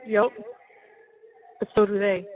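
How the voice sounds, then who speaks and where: A middle-aged woman on a phone call, gently reassuring her daughter. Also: mid-range voice, flat delivery, slow pace, a little hiss or hum. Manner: soothing, reassuring. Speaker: parent on a jail call. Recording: tinny jail phone line.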